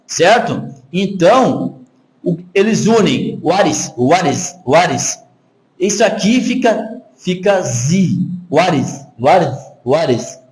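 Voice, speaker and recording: A man with a fairly high voice gives an English lesson, speaking slowly and patiently. He repeats each phrase several times, drawing out the words for the learners. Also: low-quality recording. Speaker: English teacher. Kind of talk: spoken lesson.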